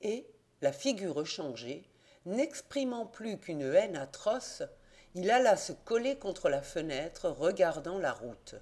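Man, audiobook narrator, measured, expressive, classic novel reading. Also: sits high. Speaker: audiobook reader.

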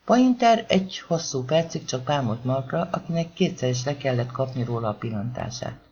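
A man reading a crime novel aloud as an audiobook narrator, in a lively, expressive way. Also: mid-range voice, a little hiss or hum. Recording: dull lo-fi audiobook recording.

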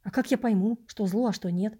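A woman's voice: medium pitch, fairly quick, dark tone, slightly rough, close to an everyday voice. A woman reading an audiobook, voicing a despairing, self-doubting young male wanderer with a raised, pleading voice. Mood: desperate.

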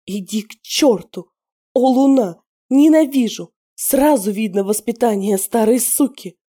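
A woman voicing a scheming, spiteful middle-aged female werewolf with a sneering, taunting manner that turns shrill under pressure, in a storybook reading. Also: animated, moderate pace, warm tone. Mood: shrieking angry.

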